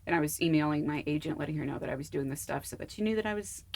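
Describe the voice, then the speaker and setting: Young actress guest, lower voice, enthusiastic and earnest in casual talk. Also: female voice, racing, vocal fry, a little mellow. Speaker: podcast guest, actor. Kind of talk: casual chat.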